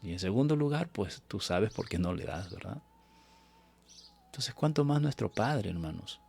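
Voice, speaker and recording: A man's voice: lowish voice, animated, moderate pace, creaky, darkish tone, breathy edge. A man preaching a Bible study sermon on a live stream, earnest and exhortative, often addressing his listeners as brothers.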